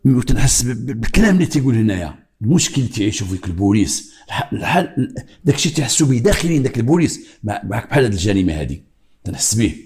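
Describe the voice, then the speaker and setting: Fast-talking older Moroccan man storyteller. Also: medium pitch, big pitch swings, darkish tone. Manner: dramatic, mimics heartbeats and pauses. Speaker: retired police investigator. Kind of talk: storytelling true crime.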